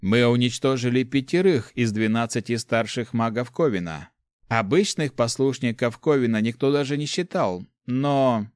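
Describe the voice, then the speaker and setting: A man's voice: mid-range voice, normal speed, darkish tone, no room sound, clean studio sound, close to an everyday voice. A man reading a fearful, deferential messenger reporting to his lord, in an audiobook. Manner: timid, mumbling, deferential.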